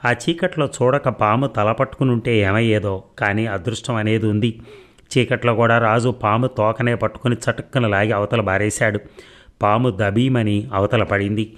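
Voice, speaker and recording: Low-voiced man reading a suspense serial. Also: steady tone, normal speed. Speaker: narrator. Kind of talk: serial story narration.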